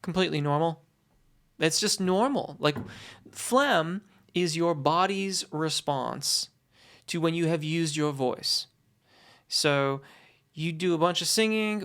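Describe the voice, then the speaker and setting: A voice teacher answering questions in a conversational, explanatory way, with encouraging, reassuring and deliberate, articulate phrasing. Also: medium pitch, fairly bright tone, clean tone.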